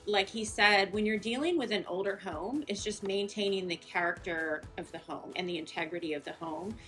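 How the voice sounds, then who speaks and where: A woman's voice: mid-range voice, moderate pace, fairly bright tone, faint music behind. A woman giving casual, conversational answers as a homeowner in an interview.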